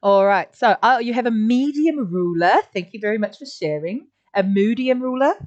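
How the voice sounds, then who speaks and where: An art teacher leads a live online drawing lesson, her voice on the high side, expressive, and at normal speed. She's chatty and encouraging, adding little sound effects as she draws, and the audio is slightly dull and lo-fi.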